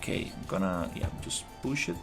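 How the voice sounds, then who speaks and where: With music in the background, a Costa Rican man briskly talks through his game development on a live stream. His casual commentary is thought aloud, peppered with fillers and restarts.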